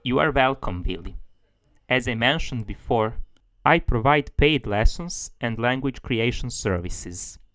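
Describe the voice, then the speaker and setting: Steady man teaching step by step. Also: medium pitch, a little slow, no room sound. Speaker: language tutor. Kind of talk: tutorial explanation.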